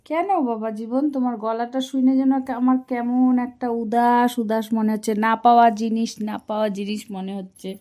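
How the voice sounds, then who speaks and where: A woman plays a lonely mother-in-law who grumbles that nobody checks on her. She speaks a little high, in a mellow, dark tone. Her reproachful, prying questions set up a scripted comic phone skit. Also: fairly even intonation, moderate pace, hardly any pauses, lightly acted. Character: lonely complaining mother-in-law, middle-aged.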